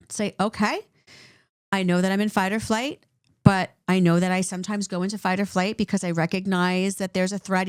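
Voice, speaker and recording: A woman's voice: medium pitch, no room sound, clean studio sound. A woman clinician co-hosting a podcast, explaining points in a conversational way and often checking in with "right?". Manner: animated, repeats points with "right?".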